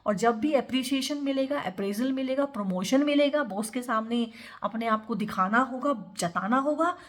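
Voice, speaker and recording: A woman reads tarot cards for her viewers in an earnest, advising tone, slipping English words into her Hindi. Her voice sits a little high. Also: moderate pace. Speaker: tarot reader. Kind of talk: tarot reading monologue.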